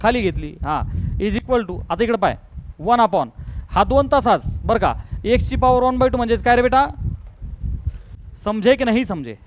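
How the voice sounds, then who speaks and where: A man teaching math in a classroom, drilling students to answer out loud, scolding and joking as he mixes in English terms. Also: sits high, animated, moderate pace, pauses often, a little hiss or hum, rough recording. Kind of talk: classroom lecture.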